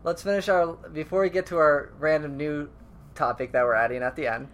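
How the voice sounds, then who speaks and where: A man's voice: a little high, fairly even intonation, a little fast, fairly bright tone, slight background noise. A man co-hosting a podcast in casual chat, rambling and restarting his sentences, often laughing. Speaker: podcast co-host.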